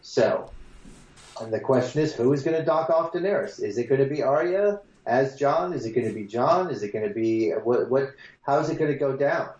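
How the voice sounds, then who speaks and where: A man's voice: mid-range voice, lively intonation, moderate pace, a little mellow. Man sounding like he's in a hole. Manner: hesitant, many fillers and restarts. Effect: hollow echo, sounds like talking from inside a hole. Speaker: podcast co-host. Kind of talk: casual chat. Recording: echoey, muffled remote line.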